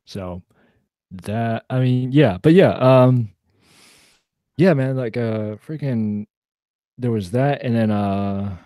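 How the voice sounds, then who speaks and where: Brief: young male co-host, relaxed mellow voice, loose rambling delivery full of fillers. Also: medium pitch, takes it slowly, pauses often, no echo, studio quality. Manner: rambling, lots of fillers and restarts. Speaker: podcast co-host. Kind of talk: casual chat.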